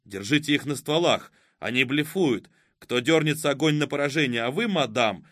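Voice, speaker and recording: A man voicing a mocking, vengeful male villain in an audiobook, with a drawn-out, sneering delivery. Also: mid-range voice, fairly bright tone, no echo, studio quality, pitched above the performer's own voice, close to an everyday voice. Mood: commanding. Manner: sneering, taunting, drawn-out threats. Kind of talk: audiobook character voice.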